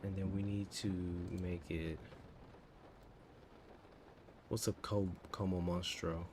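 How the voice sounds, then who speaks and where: A low-pitched man in his thirties speaks at a normal speed while coding live, musing in muttered half-sentences. The casual stream has steady background noise.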